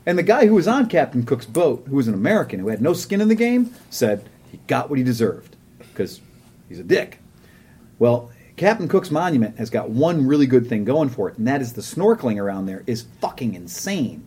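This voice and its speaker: A man's voice: medium pitch, big pitch swings, brisk, a little mellow, husky. A man co-hosting a casual podcast, telling a profane travel story and laughing often. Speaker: podcast co-host. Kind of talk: casual chat.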